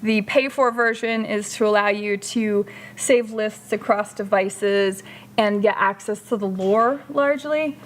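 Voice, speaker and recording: A woman hosting a casual livestream chat, reading out and answering viewer comments. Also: a little high. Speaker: streamer hosting a hobby chat.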